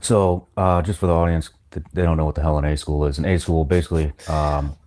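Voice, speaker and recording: A man's voice: rumbling low, fairly even intonation, a little fast, dark tone. A man hosting a podcast interview, asking blunt, terse questions and swearing casually.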